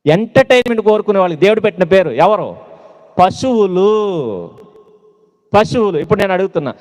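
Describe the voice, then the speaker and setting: Brief: male preacher with a Telugu accent, animated swooping delivery, full of rhetorical questions and teasing asides, fairly high voice. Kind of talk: sermon to youth. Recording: long hall reverb.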